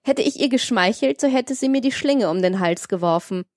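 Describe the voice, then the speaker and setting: A woman's voice: on the high side, lively intonation, moderate pace, dry recording, clean studio sound, voice pushed up, lightly acted. A woman reading the part of a domineering, worldly man who lectures with ironic liveliness in an audiobook. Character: domineering worldly man, mocking, tyrannical toward women.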